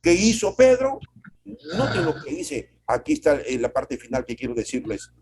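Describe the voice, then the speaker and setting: Animated male pastor preaching over a call. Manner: emphatic preaching with dramatic pauses and sudden swings in pitch. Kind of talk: sermon.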